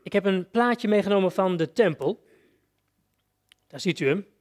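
A man's voice: sits high, lively intonation, moderate pace, a little mellow. A man preacher giving a sermon, telling a story vividly and addressing his listeners directly.

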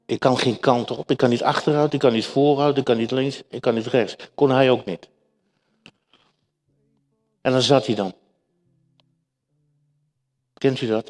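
A man's voice: mid-range voice, darkish tone. A man preaching a sermon to his congregation, emphatic and repetitive, speaking to them directly. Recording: echoey hall with long reverb.

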